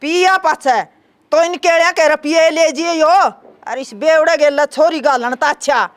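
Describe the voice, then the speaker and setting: A woman's voice: high-pitched, unhurried. A woman with a Haryanvi accent playing a stubborn, complaining mother-in-law in a village comedy. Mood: indignant. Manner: blunt, complaining. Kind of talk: village comedy sketch acting.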